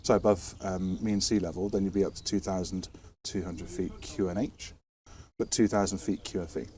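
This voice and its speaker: Explaining the technicalities of air traffic control in a loose interview chat, a British man hesitates and restarts words as he talks. He sits low in pitch, with a dark, steady tone and a brisk pace. The recording has a distant mic with faint ambience and background noise.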